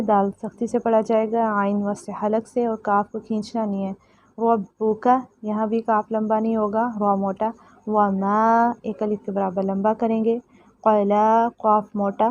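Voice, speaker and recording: A woman teaching tajweed, chanting verses slowly and melodically, then explaining pronunciation in brisk instructive speech. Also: mid-range voice, darkish tone, no echo. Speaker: Quran recitation teacher. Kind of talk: tajweed lesson, recitation and explanation. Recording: dull lo-fi dry recording.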